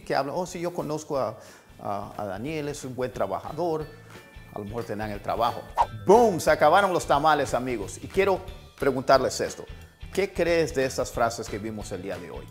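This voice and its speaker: A man teaching everyday English phrases in a casual lesson, repeating them slowly for practice. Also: mid-range voice.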